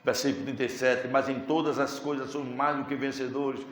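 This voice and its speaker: Impassioned Brazilian preacher in echoey hall. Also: male voice, medium pitch, level tone, a little fast, a little hiss or hum. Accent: Brazilian Portuguese. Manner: impassioned preaching, swelling to loud exclamations. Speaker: pastor. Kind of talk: sermon. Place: church sanctuary. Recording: echoey church hall with music.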